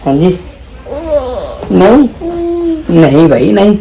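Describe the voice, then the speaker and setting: High-voiced young male vlogger. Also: expressive, slow, vocal fry, noisy background. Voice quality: chatty, keeps asking "okay?". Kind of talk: casual vlog chat.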